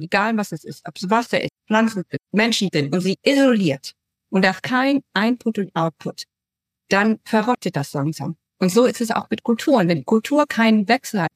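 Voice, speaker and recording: A woman's voice: medium pitch, no room sound. Woman, interview guest, from Nepal, earnest storytelling, restarts sentences, dry close sound. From Nepal, raised in West Papua. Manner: earnest, recounts at length with restarts. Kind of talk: conversational storytelling.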